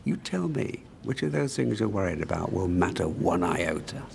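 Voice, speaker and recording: Man, heavily gravelly voice, lowish pitch, measured soothing groom. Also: very animated, a crowd in the background, heavily acted. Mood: reassuring. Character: calm older groom reassuring his bride.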